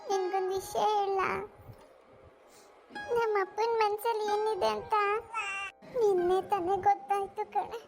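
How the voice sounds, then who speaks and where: Sad cartoon schoolgirl: soft, plaintive, extremely high. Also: level tone, unhurried, pauses often, loud music behind the voice. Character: sad little schoolgirl with troubled home. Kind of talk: cartoon voice acting.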